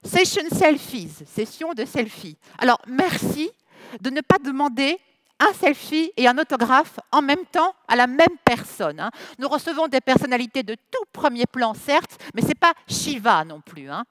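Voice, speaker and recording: With a high, animated voice that's a bit bright, a woman with a French accent emcees a festival opening on stage, mixing English and French as she jokes around. The teasing is playful yet measured, and the sound is dry.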